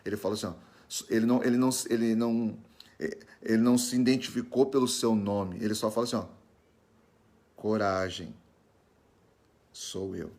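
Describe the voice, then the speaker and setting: A man preaching a sermon in an emphatic, repetitive style that drops to soft, slow reassurance. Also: medium pitch, fairly even intonation. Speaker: pastor. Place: livestream.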